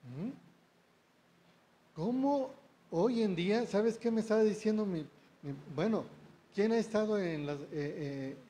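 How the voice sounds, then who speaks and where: A man's voice: high voice, measured pace, long pauses, mellow. A man preaching a sermon, often checking in with the congregation through short rhetorical questions.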